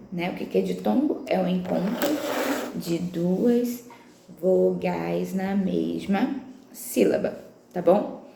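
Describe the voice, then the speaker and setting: A woman's voice: on the high side, vocal fry, darkish tone, roomy sound. A woman teaching a language lesson, explaining textbook exercises patiently step by step and checking in with her students often. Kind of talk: recorded remote lesson walking through textbook exercises.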